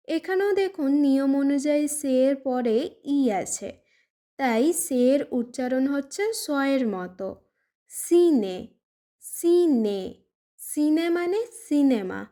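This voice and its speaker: A woman's voice: sits high, dark tone. A woman teaching a pronunciation lesson in Bengali, patiently saying each example word twice. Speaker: language teacher. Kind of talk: slow scripted pronunciation lesson.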